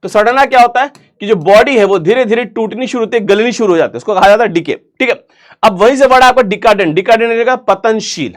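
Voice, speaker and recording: A young man with a fairly high voice teaches vocabulary online, quizzing his listeners and answering himself. He jokes as he goes, and his English words carry an Indian accent. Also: fast talker. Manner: chatty, jokey, asks and answers his own questions. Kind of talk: online exam-prep vocabulary lesson.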